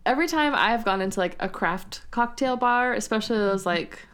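A young woman from San Antonio, co-hosting a podcast in a relaxed, rambling chat with frequent giggles. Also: fairly high pitch, fairly quick, a little hiss or hum. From San Antonio, Texas. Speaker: podcast co-host. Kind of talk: casual chat.

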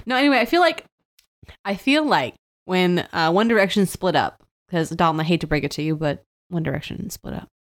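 A woman's voice: lowish voice, animated, fairly quick. Giggly rambling young woman. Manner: rambling, giggly, full of fillers. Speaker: podcast co-host. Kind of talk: casual comedic chat.

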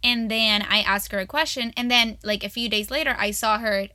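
A woman's voice: a little high, moderate pace, sharp tone, no room sound. Bubbly young woman gushing in a dry studio. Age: young adult. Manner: bubbly and gushing, packed with fillers. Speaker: student podcast co-host. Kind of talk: casual chat.

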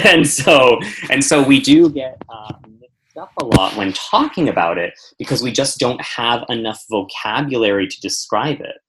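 A man who teaches meditation, patiently explaining ideas in a relaxed interview. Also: medium pitch, moderate pace, low-quality recording. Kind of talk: conversational interview answers.

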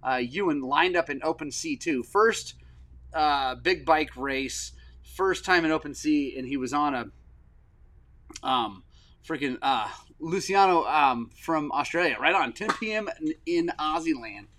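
A middle-aged man hosting a podcast in casual chat, an excitable storyteller who swings from loud enthusiasm to soft, choked-up moments. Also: fairly high pitch, unhurried. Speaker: podcast host.

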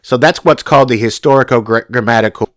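A podcast co-host in his forties talks casually about Bible interpretation in a voice he himself describes as young, whiny and country-twanged. He's medium-pitched and quick, recorded in studio quality with no room sound.

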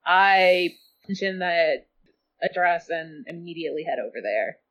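A woman's voice: fairly low pitch, expressive, unhurried, fairly bright tone. A woman playing a tabletop role-playing game, talking casually and a bit hesitantly. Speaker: player. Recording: dull lo-fi sound.

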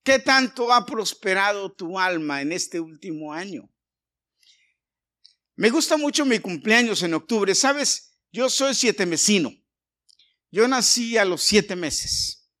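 Higher-voiced man preaching a sermon. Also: animated, slow pace, sharp tone. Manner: conversational preaching with personal stories, frequent restarts. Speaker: pastor.

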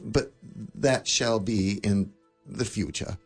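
An actor playing Scrooge, an elderly miser turned giddy and generous, laughing and lively in a radio play. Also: male voice, lowish voice, takes it slowly, breathy edge, exaggerated voice. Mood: joyful. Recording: studio radio drama with faint music.

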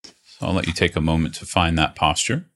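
A male meditation teacher with a very deep voice gives gentle, reassuring instruction. He speaks unhurriedly and leaves pauses between his phrases.

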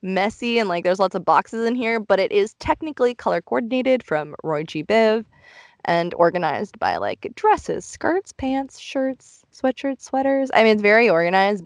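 A woman's voice: mid-range voice, no room sound. A young woman hosting a podcast from inside a clothes closet, speaking candidly and introspectively and filling her talk with "like.". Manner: candid and introspective, heavy use of "like". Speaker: podcast host. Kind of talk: casual confessional chat.

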